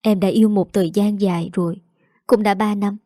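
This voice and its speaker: A woman voicing a gentle, earnest young woman quietly in love. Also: mid-range voice, steady tone, a little fast, no echo, clean studio sound, lightly acted.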